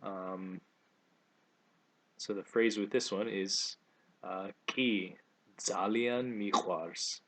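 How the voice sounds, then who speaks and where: A man speaks in a very low voice. He teaches in a relaxed, casual way, slowing down to say each phrase twice. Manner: relaxed, repeats phrases slowly and clearly. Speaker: language teacher. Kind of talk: casual video lesson.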